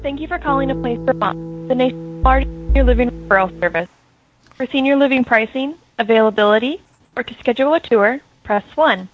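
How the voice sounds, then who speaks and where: A woman's voice: high-pitched, brisk, soft background music. A woman's recorded phone menu voice reading scripted prompts, played from a phone held up to a microphone. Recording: tinny phone line through a mic, loud noise.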